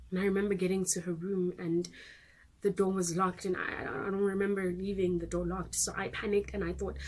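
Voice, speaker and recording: An actress playing a young mother who recounts her baby's death in a dramatic monologue, speaking in halting bursts with many restarts. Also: mid-range voice, breathy edge, close to an everyday voice. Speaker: monologue actor.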